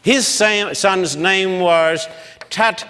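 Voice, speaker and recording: A male Bible lecturer with a fairly high voice speaks slowly and with great deliberation, breaking long names into separate syllables. His voice carries a long reverb, as if recorded in a large lecture hall. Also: bright, forceful tone, clear, resonant tone. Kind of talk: public Bible lecture with blackboard.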